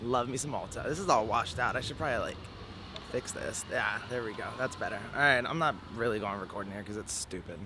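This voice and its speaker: A young man in his twenties vlogging casually to a handheld camera, relaxed and joking, in his car and a parking lot. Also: fairly low pitch, fast talker, noisy background. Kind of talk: casual vlog chat. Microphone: handheld camera at arm's length.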